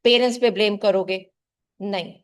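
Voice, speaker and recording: A woman's voice: mid-range voice, steady tone, normal speed. A middle-aged woman tutor giving an earnest motivational talk to her class and calling her students "child.". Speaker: tuition teacher.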